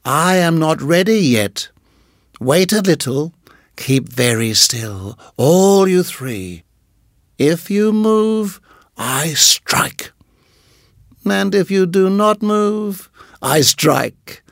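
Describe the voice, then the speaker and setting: A man voicing a vengeful female king cobra in a storybook reading, menacing and drawn-out. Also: high-pitched, animated, no echo, studio quality, voice pushed up, exaggerated voice.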